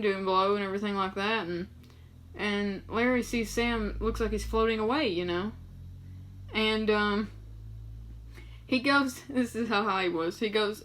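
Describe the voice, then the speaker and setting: A woman's voice: mid-range voice, moderate pace, fairly bright tone. A young woman talking casually to her viewers, rambling through loose, profane stories full of fillers. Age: young adult. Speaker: vlogger.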